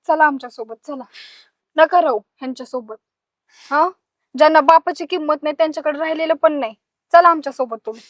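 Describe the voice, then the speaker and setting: A woman's voice: high-pitched, fairly quick, no echo, lightly acted. A woman playing an indignant young relative who urges the old father to leave with them. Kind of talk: village family drama acting. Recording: dull, dry sound.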